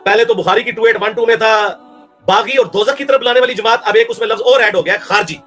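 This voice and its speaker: A man with a high-pitched voice and a Pakistani Urdu accent delivers a heated, scornful religious rebuttal. He hurls insults and raises his voice in anger. Faint music plays underneath. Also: sharp tone. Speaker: religious speaker.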